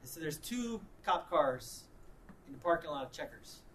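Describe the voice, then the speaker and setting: A man's voice: on the high side, lively intonation, normal speed, fairly bright tone, a little hiss or hum. A man preaching a sermon, telling a personal story in a conversational way and often repeating and restarting his words. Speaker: pastor.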